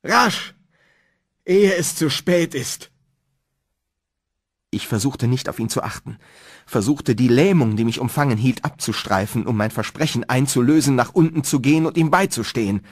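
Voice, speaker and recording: A man's voice: mid-range voice, brisk, darkish tone, breathy edge, no echo, clean studio sound. A man narrating a horror story in a dramatic, tense reading style. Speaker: audiobook narrator.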